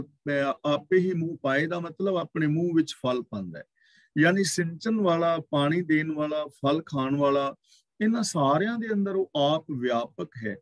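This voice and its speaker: Male scripture teacher, slightly high voice, dry close sound; chants verses slowly, then explains plainly. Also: no room sound. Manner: measured, repetitive teaching cadence. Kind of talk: scripture exposition.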